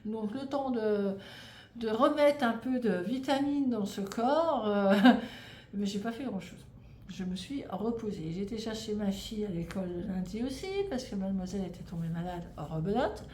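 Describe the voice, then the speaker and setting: French woman, 30s, casual knitting vlogger, rambling and stumbling, mellow tone, echoey room. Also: medium pitch, moderate pace. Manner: rambling, stumbling, frequent fillers and restarts. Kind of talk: casual chat. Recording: echoey room, faint background noise.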